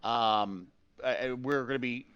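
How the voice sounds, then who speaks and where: Smooth-voiced esports caster man, dry dull mic. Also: mid-range voice, unhurried, no echo. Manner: emotional, enthusiastic, casual. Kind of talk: esports post-match commentary.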